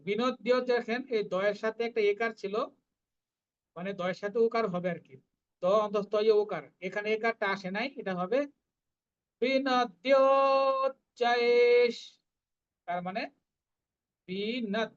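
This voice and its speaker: A recitation teacher, explaining pronunciation syllable by syllable and chanting the verses in slow, drawn-out tones. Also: mid-range voice, fairly even intonation, lo-fi sound. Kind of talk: online class teaching Sanskrit verse pronunciation.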